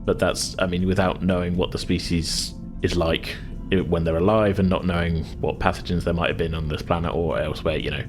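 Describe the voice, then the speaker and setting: A low-voiced man acting as game master runs a tabletop roleplaying game, explaining things in a chatty, halting, improvised way. His intonation is fairly even, and clear background music plays behind him.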